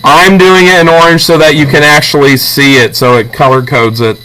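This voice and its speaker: This art teacher's voice sits on the high side, bright and forceful, with fairly even intonation and a fairly quick pace. He walks his class through a hands-on drawing exercise step by step, checking in with quick questions. The poor recording picks up classroom chatter around him.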